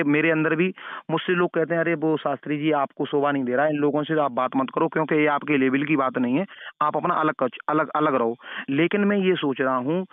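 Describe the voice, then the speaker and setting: A slightly high-voiced man, a preacher, lectures like an elder brother during a phone conversation, driving his moral points home by repeating them. The call audio has no echo but sounds narrow and tinny.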